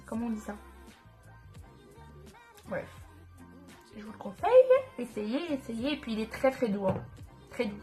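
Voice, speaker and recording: Higher-voiced woman with a stuffy nose. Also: unhurried, long pauses, a little mellow, soft background music. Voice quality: nasal, blocked-up sound. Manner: informal, enthusiastic about products, self-correcting. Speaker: beauty vlogger presenting skincare products. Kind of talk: casual chat to viewers.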